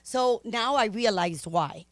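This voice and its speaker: A middle-aged woman from Miami, Florida speaks slowly in a voice on the high side. A native Spanish speaker with a Spanish-influenced Miami accent, she's a candid podcast guest telling her story, animated and chatty, with plenty of ums and laughs.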